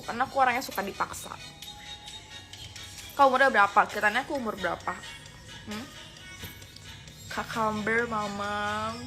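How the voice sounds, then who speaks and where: Bright, playful young woman streamer. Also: a little high.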